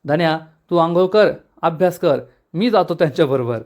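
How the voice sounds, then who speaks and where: A man's voice: fairly high pitch, expressive, moderate pace, a little mellow, natural voice. A man voicing a helpful, agreeable young man of the house.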